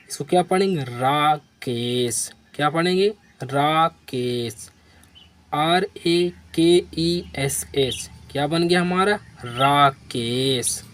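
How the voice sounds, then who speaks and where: A man's fairly high, somewhat bright voice, with a little hiss or hum in the recording, spells words letter by letter for beginners. In this slow lesson he asks the learner questions and wants the viewer to repeat each letter.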